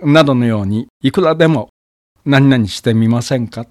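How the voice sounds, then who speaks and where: A man's voice: mid-range voice, moderate pace, dry recording, studio quality. A man explaining a useful English phrase in a lesson and giving example sentences. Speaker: English teacher.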